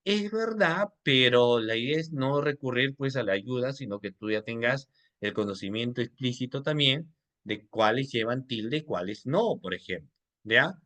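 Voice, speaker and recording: A man's voice: mid-range voice, expressive, moderate pace, fairly bright tone. A man teaching an online class on legal writing, who quizzes his listeners, repeats his questions and addresses them as doctors. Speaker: law instructor.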